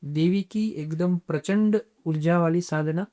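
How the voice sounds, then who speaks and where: A man speaks as a podcast guest, explaining spiritual practice in a measured, teacherly way. His voice sits a little high for a man. He drops English terms into his talk as he goes. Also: dark tone.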